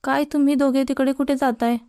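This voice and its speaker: A woman's voice: high-pitched, flat delivery, a little fast, dark tone, dry recording, clean studio sound, pitched above the performer's own voice. A woman voicing a stern but kind middle-aged male math teacher, scolding his students.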